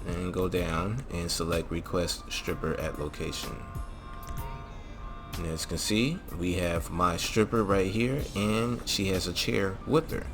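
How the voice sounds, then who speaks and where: Speaking a little slowly in a low voice, a gaming channel host leads a laid-back video game mod tutorial full of slang. Background music runs behind him throughout.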